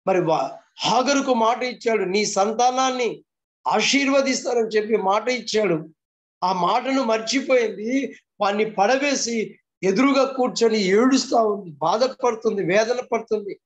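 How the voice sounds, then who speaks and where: A pastor preaching a devotional sermon over a video call, fervent, with repeated phrases and rhetorical questions. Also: male voice, high voice, measured pace.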